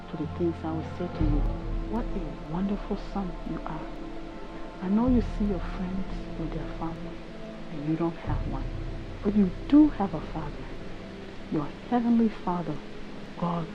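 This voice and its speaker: A woman's voice: on the low side, animated, normal speed, long pauses, natural voice. An actress playing a dying mother who gives her son earnest last advice, heard in a dull film clip over music. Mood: tender. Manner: gentle, earnest.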